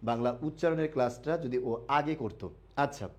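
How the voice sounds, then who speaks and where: Here a man teaches grammar live online to admission students; he asks questions, answers them on his own, and slowly repeats the key words. His pitch is medium.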